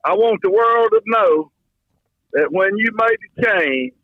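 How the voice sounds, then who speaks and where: Man, high voice, calling in on phone speaker, folksy teasing talk, muffled dry line. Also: expressive, unhurried, dry recording. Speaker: caller. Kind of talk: casual chat.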